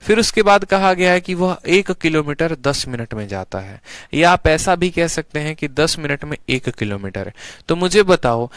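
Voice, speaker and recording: A man's voice: a little high, clean tone, no echo. A man teaching an exam-prep maths lesson online, explaining step by step and putting questions to his students before answering them himself.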